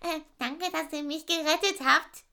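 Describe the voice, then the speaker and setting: A woman's voice: high voice, moderate pace, creaky, bright, forceful tone, full character voice. A woman voicing a clumsy, cheeky little kindergarten girl in a children's audio drama, giggly and whiny when hurt. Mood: relieved.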